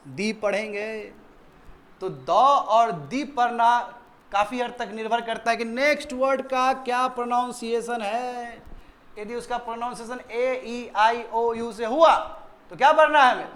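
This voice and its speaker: High-voiced man teaching a class. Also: moderate pace, a bit bright. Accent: Indian English. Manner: quizzing students, repeating answers. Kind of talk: classroom grammar lesson.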